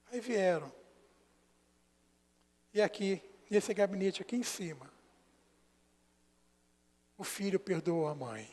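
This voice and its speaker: A Brazilian man preaching as a pastor, telling a story and swinging between hushed and loud passages. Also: high voice, expressive, slow pace, pauses often. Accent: Brazilian Portuguese. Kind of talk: sermon. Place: church sanctuary. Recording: long church hall reverb.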